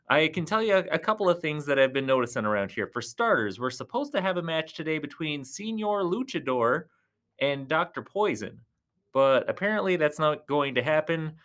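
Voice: mid-range voice, big pitch swings, moderate pace, a bit bright. A performer voicing a goofy clown who commentates on thumb wrestling, with a rambling, giggly, joking delivery. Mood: chatty. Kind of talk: comic sports commentary.

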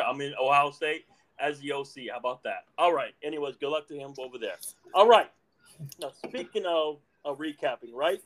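A man's voice: fairly high pitch, fairly bright tone. A young man with a slightly raised voice hosts a casual sports podcast. He talks in a playful, teasing way and fires questions at his co-host.

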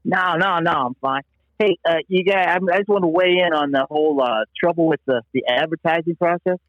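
A man from Pennsylvania calling in over a bad phone connection, telling a rambling, halting story. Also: on the high side, dry recording. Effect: phone call over a bad connection. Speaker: caller. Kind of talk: call-in to a comedy podcast. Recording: dull lo-fi phone line.

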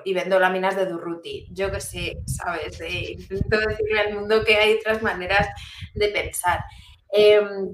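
Woman, casual joking chat, laughs easily, echoey room. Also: medium pitch. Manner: laughs often, loose and joking. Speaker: guest philosopher answering questions. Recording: roomy echo with faint noise.

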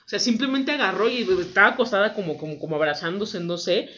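A young Mexican woman tells an anecdote in a casual chat, her voice rising and falling widely as she acts out what people said. The audio is muffled and lo-fi. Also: fast talker. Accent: Mexican Spanish. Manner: animated storyteller, acts out quotes with big pitch jumps. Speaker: storyteller. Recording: dull lo-fi audio.

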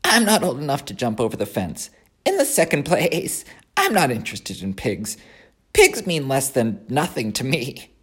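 A man's voice: mid-range voice, wildly swooping pitch, normal speed, slightly rough, voice pushed up. A man voicing a haughty young lamb who speaks in a curt, snooty way.

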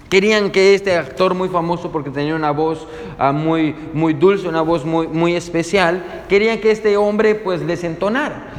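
A man's voice: sits high, long reverb tail. A man preaching a sermon at a church service, praying and telling a story, fervent, with many restarts and filler sounds. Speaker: pastor.

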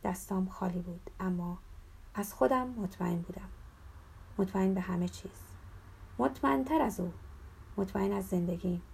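A woman narrating a novel in the first person, measured and intimate, sometimes dropping into a whisper. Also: medium pitch, creaky, darkish tone, a little hiss or hum. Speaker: audiobook narrator.

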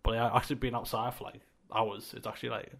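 A man's voice: mid-range voice, little pitch movement, fast talker, gravelly, a bit bright. A young man co-hosting a podcast, chatting casually in a laid-back, rambling way with lots of fillers. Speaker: podcast co-host. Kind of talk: casual chat.

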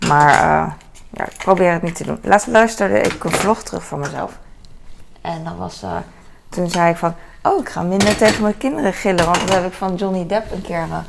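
Chatty woman with a gravelly voice. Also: lowish voice, background noise. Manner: rambling, many fillers and restarts, mixes in English phrases. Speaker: vlogger. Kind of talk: casual chat while tidying the kitchen. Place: home kitchen. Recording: kitchen clatter of dishes and cutlery.

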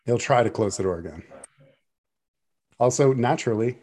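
A man narrating a tabletop game as game master, relaxed and conversational. His voice is mellow and dark in tone, sitting at an ordinary middle pitch. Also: normal speed. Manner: casual, with restarts and fillers.

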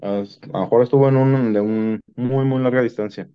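Briskly and with fairly even intonation, a man with a Mexican Spanish accent recounts paranormal stories as a podcast guest, rambling in casual chat and often restarting sentences. His mid-range voice is clear and resonant, though the recording itself is dull and lo-fi.

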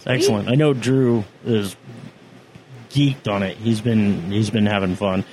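A man co-hosting a casual chat, excitable and quick to jump in with short reactions. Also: lowish voice. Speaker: podcast co-host. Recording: noisy room with clear background ambience.

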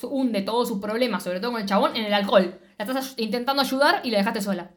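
Swearing Rioplatense woman, animated chat. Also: fairly high pitch, quick pace. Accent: Rioplatense Spanish. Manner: animated, swears freely, acts out dialogue. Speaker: podcast co-host. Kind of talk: casual chat recapping a series.

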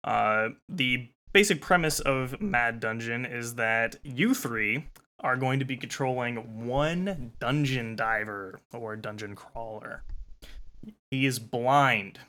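A man's voice: medium pitch, bright, forceful tone. A young man hosting a casual online game show as game master, explaining the rules with loose fillers.

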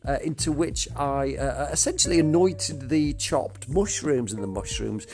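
A man hosting a chatty solo podcast in a florid, theatrical way, his voice croaky from lingering man flu. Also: fairly high pitch, measured pace, a little mellow. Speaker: podcast host.

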